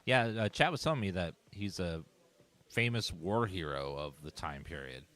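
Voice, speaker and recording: A man's voice: low voice, animated, normal speed, a bit bright. A young man streaming a game, giving chatty, casual live commentary.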